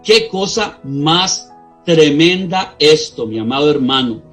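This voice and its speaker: A man's voice: on the high side, animated, slow pace, a bit bright. A middle-aged man with a Costa Rican accent preaching a sermon as pastor, earnest and addressing his listeners directly. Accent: Costa Rican Spanish. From Costa Rica. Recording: faint music behind the voice.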